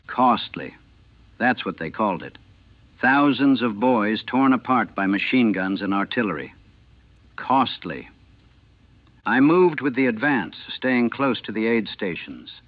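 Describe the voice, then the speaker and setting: A man, a former army chaplain from the United States, recalling the war in a grave, measured and haunted way, heard on an old archival recording. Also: lowish voice, dry recording. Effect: old archival recording, narrow and tinny. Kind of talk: solemn first-person recollection. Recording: tinny, dry, lo-fi old recording.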